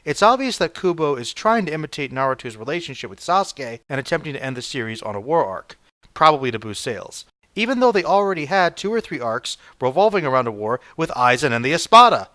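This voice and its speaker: Lively man reading an analysis. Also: on the high side, no echo. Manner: measured, analytical delivery. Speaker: reviewer. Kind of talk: scripted video essay narration.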